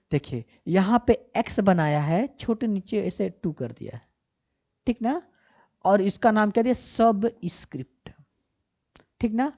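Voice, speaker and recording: This is a software tutorial recorded from the screen, led by a woman computer teacher with a mid-range voice. Her explanation moves step by step and is repetitive, with self-posed questions she answers herself and frequent "ठीक ना" check-ins. Sound quality is slightly dull and lo-fi.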